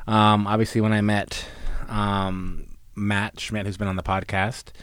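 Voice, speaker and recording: A man's voice: on the low side, level tone, measured pace, fairly bright tone, clear, resonant tone, no echo. A man in his forties, a podcast co-host, chatting casually with lots of fillers, restarts and swearing. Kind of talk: casual chat.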